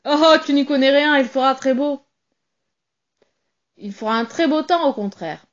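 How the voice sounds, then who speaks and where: A woman voicing a hearty, tipsy male sailor who talks loud and jovial. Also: high voice, a little slow, highs cut off, voice pushed up.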